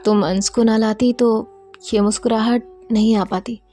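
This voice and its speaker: A woman voicing a reserved young woman who answers in short, quiet replies. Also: fairly high pitch, fairly even intonation, a little slow, faint music behind, lightly acted.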